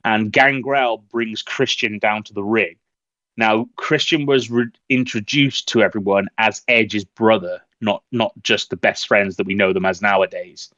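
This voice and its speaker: A man's voice: fairly low pitch, fairly even intonation, a little slow, fairly bright tone, no room sound, lo-fi sound. A man co-hosting a podcast, telling stories in a chatty, rambling way. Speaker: podcast co-host. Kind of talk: casual chat.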